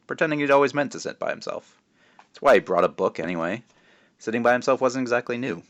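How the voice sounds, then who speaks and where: A man speaking as a children's author reads a storybook aloud informally, adding modest, self-deprecating asides. His voice is lowish and a bit bright.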